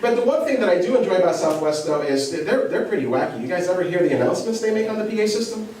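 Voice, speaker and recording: A high, lively male voice with a darkish tone races through a stand-up routine at a very fast clip. The performer, from Egypt, is self-deprecating and chatty, often asking the audience things, while the far-off recording carries the club's echo and crowd laughter.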